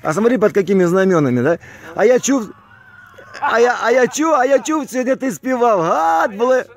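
A man's voice: very high-pitched, lively intonation, normal speed. A man with a Ukrainian accent giving casual, teasing home-video commentary, repeating himself, drawling exclamations and tacking on questions. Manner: repetitive, drawling exclamations with frequent tag questions. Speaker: man filming and commenting on a backyard gathering. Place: outdoors in a grassy backyard. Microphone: handheld phone camera, behind it.

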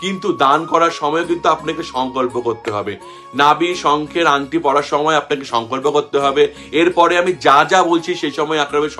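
A man's voice: fairly high pitch, sharp tone. A man hosting a ritual-advice channel, giving repetitive, emphatic step-by-step instructions to viewers.

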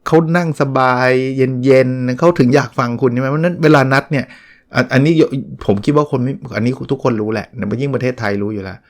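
A middle-aged man hosting a solo podcast, talking through a book in a relaxed, conversational way with frequent restarts and polite particles. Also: mid-range voice, fast. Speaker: podcast host reviewing a book. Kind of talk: casual solo talk.

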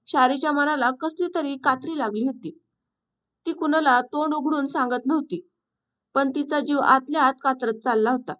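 A woman narrating an audiobook story in a calm, steady storytelling manner. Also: high voice.

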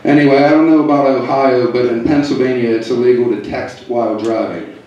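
A man from the Pittsburgh area doing a stand-up comedy set in a hotel comedy club, delivering deadpan punchlines with quick asides. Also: mid-range voice, highs cut off. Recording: echoey club heard from far off.

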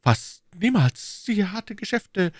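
A man's voice: high voice, big pitch swings, slow, no room sound, studio quality, voice pushed up, exaggerated voice. A man voicing a timid, nervous middle-aged shopkeeper who pleads and stammers, in a storybook reading. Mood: anxious.

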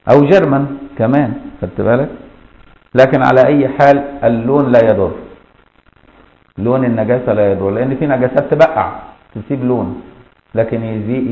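A man with an Egyptian Arabic accent teaching a colloquial classroom lesson, explaining step by step and often checking that listeners follow. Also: medium pitch. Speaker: Islamic jurisprudence teacher. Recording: echoey, dull lo-fi room recording.

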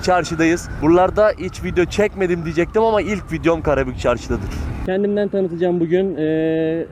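A man's voice: high-pitched, a little mellow. A man chats casually and informally from inside a motorcycle helmet, rambling and interrupting himself as he rides. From Turkey. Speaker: motovlogger. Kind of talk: casual chatty vlog while riding. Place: outdoors, riding a motorcycle through town. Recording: clear road and engine noise.

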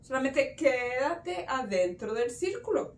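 A woman voicing a calm, loyal young male warrior who reassures, in a children's storybook telling. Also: high voice, slow, heavily acted. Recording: roomy echo, distant mic.

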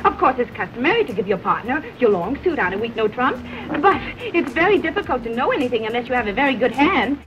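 An actress playing a chattering society woman in an early talkie, prattling on rapidly. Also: a little high, very animated. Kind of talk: early talkie film acting. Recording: dull hissy early sound film track.

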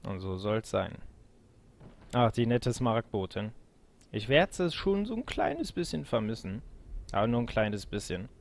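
A man's voice: mid-range voice, sing-song, measured pace, gravelly, a little hiss or hum. A man giving casual, chatty commentary on a video game, addressing his viewers as friends. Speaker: let's player. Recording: music behind the voice. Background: game music.

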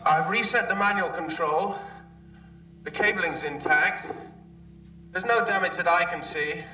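An actor playing a brisk, matter-of-fact spaceship crewman giving terse procedural reports over an airlock intercom. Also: high-pitched, pushed and bright, soft background music, exaggerated voice. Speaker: crew member reporting over the ship's intercom. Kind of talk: television science fiction drama acting. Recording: echoey, distant intercom with faint hum.

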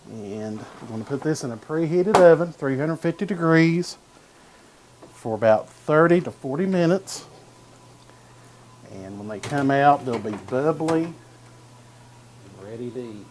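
A thirty-something man demonstrates a recipe on his cooking show, staying easygoing while stirring and slicing, with frequent "uh"s and "gonna"s, in a home-style studio kitchen indoors. He speaks at a measured pace with long pauses in an expressive, medium-pitched, darkish voice. The audio is poor, with a little hiss or hum.

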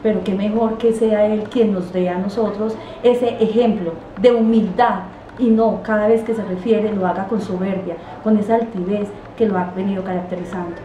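A woman's voice: medium pitch, steady tone, normal speed, hardly any pauses, warm tone, highs cut off. A woman, a regional deputy answering interview questions emphatically and indignantly, in a small office. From Quindío, Colombia. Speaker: departmental assembly deputy. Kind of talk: interview answers, political criticism. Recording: roomy office with clear noise.

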